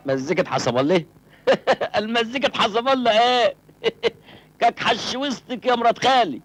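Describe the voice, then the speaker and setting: A cheeky naive village lad. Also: male voice, very high voice, animated, moderate pace, fairly bright tone, exaggerated voice. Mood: mocking. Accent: Egyptian. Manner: cheeky, joking, self-pitying. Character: naive cheeky village man, young, penniless. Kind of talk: film comedy acting.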